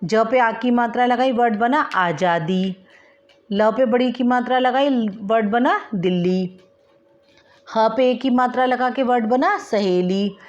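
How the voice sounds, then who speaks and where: A woman teacher giving a recorded primary school language lesson, dictating example words slowly and mixing in English words. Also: a little high, dull audio. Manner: slow, deliberate dictation of example words and sentences; mixes English words into Hindi. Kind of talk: recorded online class lesson.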